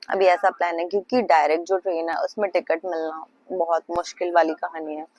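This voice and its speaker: A young woman vlogger from Madhya Pradesh in central India chats wistfully and at length on a casual travel vlog, mixing in English words, filmed outdoors on the road with a hand-held phone. Her voice is lowish, flat, brisk, and darkish, and the audio is poor.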